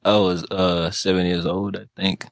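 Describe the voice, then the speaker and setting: A man's voice: low voice, little pitch movement, normal speed, creaky, dry recording, studio quality. A teenage boy from Tanzania, interviewed for youth radio, speaking casually in short answers. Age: teens.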